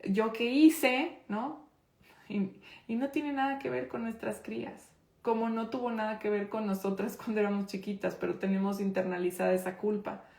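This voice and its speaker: A woman in her thirties with a Mexican accent, teaching an informal online class in a conversational way and slowing down to stress her points. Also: mid-range voice, steady tone, creaky, darkish tone. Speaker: course instructor. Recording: roomy echo.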